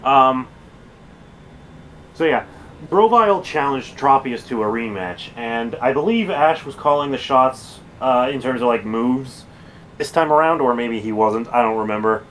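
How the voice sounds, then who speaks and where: Male streamer, casual rambling chat, mid-pitched, faint noise behind. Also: lively intonation, measured pace. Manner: rambling, chatty, with fillers and self-corrections. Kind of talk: casual chat while gaming.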